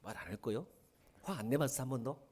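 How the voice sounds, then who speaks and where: A middle-aged man preaching a sermon as pastor, asking the congregation questions and swinging from soft asides to loud emphatic lines. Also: mid-range voice, fast, husky. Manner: animated, questions the congregation and answers himself.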